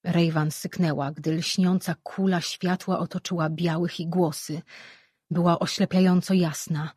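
An audiobook narrator reading a fantasy novel in an even, measured way, close to a studio mic. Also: medium pitch, breathy edge, dry recording. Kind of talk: scripted narration.

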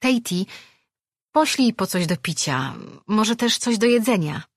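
A woman's voice: mid-range voice, animated, a little slow, breathy edge, dry recording, clean studio sound, pitched above the performer's own voice. Woman voicing a flustered young princess. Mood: commanding.

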